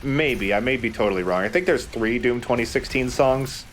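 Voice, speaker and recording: A man co-hosts a let's play, explaining the game in a casual, joking, conversational way. His voice sits at medium pitch with a slightly bright tone and normal speed, and there's a little background noise.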